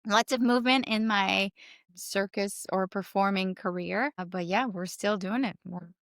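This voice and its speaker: A native French speaker from Canada in her forties, with a French Canadian accent, chats as a guest in a casual interview, rambling with many fillers; she's a circus performer and realtor. Her voice is medium-pitched and a bit bright at a moderate pace, recorded in studio quality without echo.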